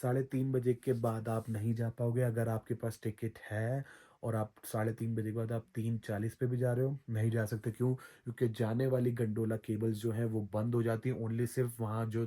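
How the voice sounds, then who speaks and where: Chatty man with a dark, flat voice. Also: mid-range voice, moderate pace. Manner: chatty, repeats himself, self-corrects. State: throat recovering from soreness. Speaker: travel vlogger. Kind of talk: casual travel advice to camera.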